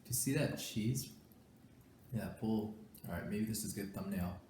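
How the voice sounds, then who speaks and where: Young adult man, lowish voice, relaxed mukbang chatter through mouthfuls, roomy echo, faint hiss behind. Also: normal speed. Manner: talks while chewing, mouth full. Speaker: vlogger. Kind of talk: casual mukbang chat.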